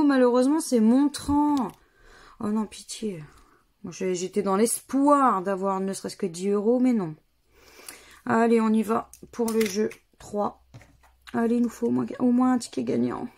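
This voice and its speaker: Slow, methodical woman vlogger. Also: on the high side, darkish tone. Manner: methodical, spells out letters and numbers one by one. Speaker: scratch-card vlogger. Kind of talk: casual commentary while playing scratch games.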